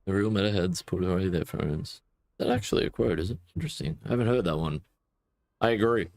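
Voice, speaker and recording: A low-voiced man talks casually while he plays a game. He rants with plenty of swearing, and his voice climbs in bursts of irritation. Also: quick pace, gravelly, no room sound. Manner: profane, animated ranting with rising outbursts. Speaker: gaming streamer.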